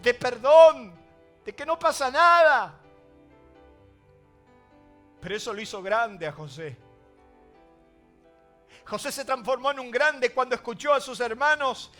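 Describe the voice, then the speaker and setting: Rioplatense pastor guy preaching, really high bright voice, goes loud then hushed. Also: animated, a little slow, pauses often, faint music behind. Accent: Rioplatense Spanish. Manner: preaching with sweeping swings between loud emphasis and hushed asides. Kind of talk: sermon.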